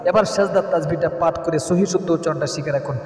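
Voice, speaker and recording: A man teaching how to say the prayers, giving quick, insistent instructions and correcting pronunciation between slow, melodic chanted lines. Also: on the high side, a little mellow, roomy sound, in a large hall, recorded from a distance. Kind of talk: teaching prayer recitation, chanting Arabic phrases.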